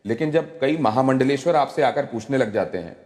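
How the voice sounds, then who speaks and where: A man's voice: medium pitch, a little fast, a little mellow, long reverb tail. A male TV anchor hosting a debate, pressing his questions and cutting in with repeated objections. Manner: pointed, interrupting, repeats "no, no". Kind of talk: pressing TV interview.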